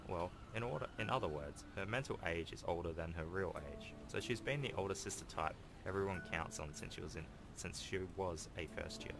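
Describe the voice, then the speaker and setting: A gaming YouTuber, a young man with a low-pitched, gravelly voice, reads game text aloud and comments casually through his let's-play. He records at home, with video game music in the background.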